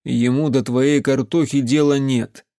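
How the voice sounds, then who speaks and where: Casting: man as weary male mage, calm and flat, dry close sound. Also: mid-range voice, a little slow, dry recording, lightly acted. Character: tired, patient male mage.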